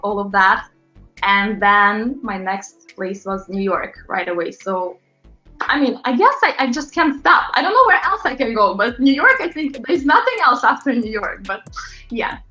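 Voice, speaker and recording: A woman from Latvia, a pop singer guest, chatting in a lively, animated way in an interview. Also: fairly high pitch, unhurried. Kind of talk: casual interview talk. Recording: roomy, slightly muffled sound with faint music.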